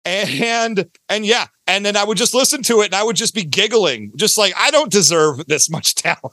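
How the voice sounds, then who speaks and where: A middle-aged audio drama creator, appearing as a podcast guest, speaks in a high, animated voice with a sharp tone at normal speed. He chats casually in a rambling, emphatic, enthusiastically gushing way during the interview, and the recording is dry.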